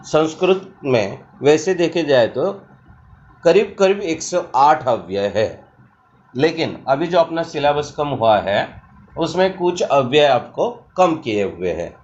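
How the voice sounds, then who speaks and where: A man leads a Sanskrit grammar lesson for exam prep, speaking slowly and deliberately. His voice sits a touch high. The recording sounds dull and lo-fi. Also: very animated, darkish tone. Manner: slow, deliberate explanation with example sentences. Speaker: Sanskrit teacher.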